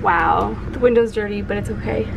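A young woman filming a casual travel vlog on a handheld camera, giggly and excitable, with music playing underneath. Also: mid-range voice, moderate pace, gravelly, muffled recording, noisy background. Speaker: vlogger. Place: outdoors and on a cruise ship.

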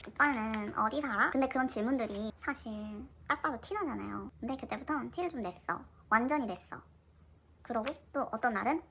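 A woman in her twenties casually telling a personal story in an animated, chatty way. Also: high-pitched, a little hiss or hum, poor audio.

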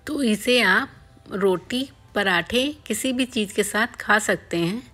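A woman calmly narrating a home cooking tutorial step by step as a voice-over. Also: medium pitch, slow pace, soft background music. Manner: calm step-by-step explaining. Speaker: cooking channel host.

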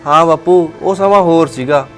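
Young rural Punjabi son played by a man, relaxed and agreeable, faint music behind. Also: a little high, normal speed, natural voice. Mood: resigned. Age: young adult. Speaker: son of marriage age.

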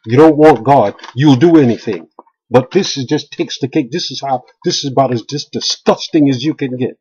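Heated and repetitive, a middle-aged video blogger stammers through a rant in a small room, restarting again and again. His voice is medium in pitch, dark and husky, at a moderate pace. It's captured by a close-range webcam with dull lo-fi sound.

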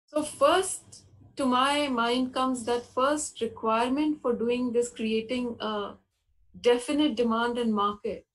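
A woman giving a webinar presentation over a video call, explaining in a measured way with frequent pauses and fillers. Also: fairly high pitch, rough recording. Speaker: panelist presenting slides.

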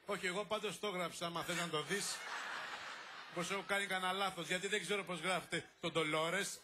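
A man's voice: high-pitched, steady tone, background noise, close to an everyday voice. An actor playing a bumbling lovesick man who mutters clumsy asides and scolds his helper, in an old film comedy. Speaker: comic lead in a film. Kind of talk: 1960s Greek film comedy acting.

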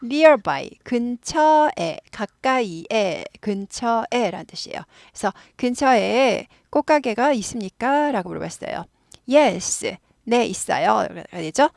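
A woman, a native Korean speaker, explains an English dialogue as a lively teacher who repeats phrases for drilling. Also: a little high, slow pace, gravelly, dry recording, studio quality.

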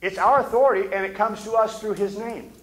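An older man preaching a fervent sermon from a church pulpit, often sinking to low, intense tones between amens. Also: fairly quick, fairly bright tone. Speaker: pastor. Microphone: pulpit mic. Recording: echoey sanctuary.

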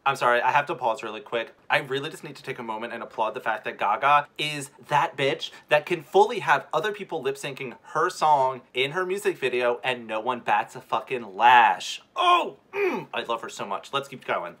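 A man's voice: medium pitch, fairly quick, hardly any pauses, fairly bright tone. A young man, a drag queen host, giving casual reaction commentary in a campy, effusive manner full of exclamations. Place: indoor room set with sequin curtain. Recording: music playing behind the voice. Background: music.

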